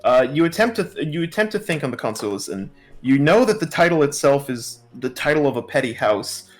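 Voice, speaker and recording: A man's voice: mid-range voice, sing-song, a little fast, soft background music. A man narrating a tabletop game as dungeon master, casual and loose, often restarting his sentences. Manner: casual, many fillers and restarts.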